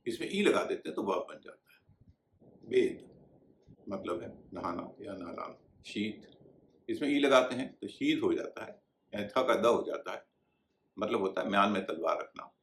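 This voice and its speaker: Low-voiced man teaching pronunciation, echoey room. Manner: slow, deliberate, spelling out words letter by letter. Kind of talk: explaining pronunciation rules in a video class.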